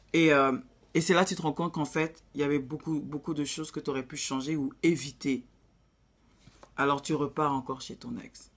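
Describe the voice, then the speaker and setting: A woman's voice: low-pitched, husky. A woman with an African accent giving blunt, preachy relationship advice in a casual vlog, dropping in English phrases.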